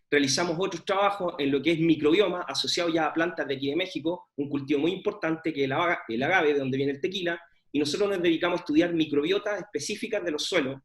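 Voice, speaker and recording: A middle-aged man, giving an informal presentation of his research with many fillers and restarts. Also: fairly high pitch. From Chile. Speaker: scientist presenting his work.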